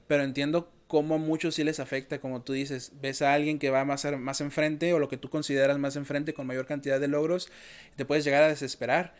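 Young male host, chatty teacher type, slightly raised pitch, conversational. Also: clear, resonant tone. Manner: talkative, explains with examples, many fillers. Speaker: podcast host and chess teacher. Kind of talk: casual interview chat.

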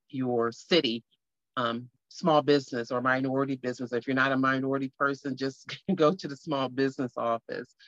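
A woman's voice: extremely low pitch, no echo. A woman co-hosting a podcast, talking earnestly in a casual interview and getting emotional. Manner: earnest, grows emotional and tearful. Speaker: podcast co-host and guest. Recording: slightly muffled lo-fi audio.

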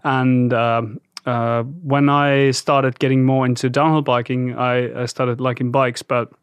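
Finnish-native male guest, halting and thoughtful, close dry recording. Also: mid-range voice, little pitch movement, smooth, no echo. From Eastern Finland. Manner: hesitant, many fillers, searching for words. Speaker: guest, bike company founder and designer. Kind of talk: casual interview.

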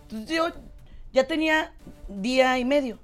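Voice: high-pitched, animated, a little slow, a bit bright, faint music behind. A co-host with a Mexican accent, chatting casually and teasing their partner in banter. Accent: Mexican Spanish. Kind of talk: casual chat.

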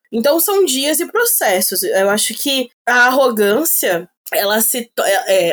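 A woman guest on a podcast, chatting casually and speaking in lively, quick bursts. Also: fairly high pitch.

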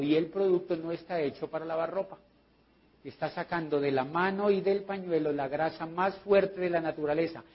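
A Colombian man teaches a sales group, his voice high and raspy. He tells his stories with energy and acts out both sides of each conversation. The recording sounds muffled and lo-fi. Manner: lively storyteller acting out his dialogues. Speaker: sales trainer. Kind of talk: training talk with anecdotes.

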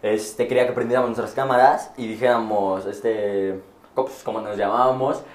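A man's voice: lowish voice, fairly even intonation, moderate pace, reverberant. A young man, a university student, chatting casually and hesitantly with lots of fillers and restarts. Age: young adult. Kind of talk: casual chat.

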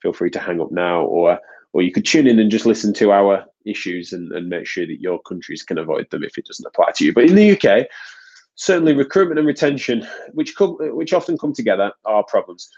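A British physiotherapist hosts a podcast, his fairly low, darkish voice animated and a little fast. His nose is stuffy, so he sounds nasal as he chats casually, rambling and restarting often, and the lo-fi recording is dull.

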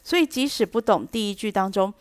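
A middle-aged woman with a Taiwanese Mandarin accent talks through an English lesson, explaining each point patiently and clearly. Her voice sits at an ordinary middle pitch. The recording is dry, with no room sound. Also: expressive, fairly quick, no room sound. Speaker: English teacher podcast host.

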